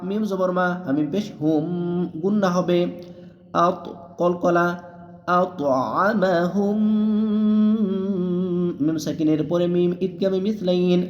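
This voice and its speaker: A man teaching Quran reading, spelling out letters syllable by syllable and chanting the verses in a drawn-out melodic style. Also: high-pitched, fairly even intonation, mellow, echoey room, long reverb tail, highs cut off.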